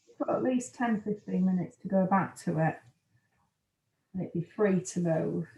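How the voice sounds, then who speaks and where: A woman's voice: on the low side, normal speed, vocal fry, mellow. Chatty woman tutor, echoey. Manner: chatty, explains steps plainly. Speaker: craft workshop tutor. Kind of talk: casual video-call class chat. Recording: echoey room.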